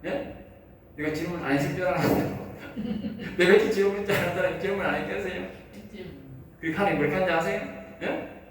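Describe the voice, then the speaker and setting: Speaking fairly quickly in a high-sitting voice, a seminary pastor with a Gyeongsang Korean accent gives a conversational sermon lecture packed with rhetorical questions for his audience. He's recorded from a distance in an echoey church lecture hall, with faint noise present.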